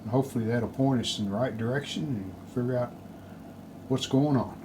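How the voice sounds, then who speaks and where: A hobbyist radio restorer talks a little fast in a medium-pitched voice while presenting a repair video. He thinks aloud in short phrases, giving casual, unscripted hands-on commentary as he works, and the home-video recording is clearly noisy.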